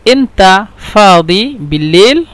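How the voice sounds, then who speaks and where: A man's voice: sits high, big pitch swings, a bit bright, dry recording. A man teaching a language lesson, saying each phrase several times and glossing it in other languages. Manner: repeats each phrase slowly, switching between dialect, standard Arabic and English. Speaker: Arabic teacher.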